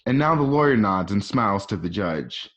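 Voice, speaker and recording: As narrator of the screen directions for an online radio drama, a man reads scripted scene directions in a lowish, fairly bright voice, animated and at normal speed. Every so often he stumbles and corrects himself. The home recording sounds dull and lo-fi.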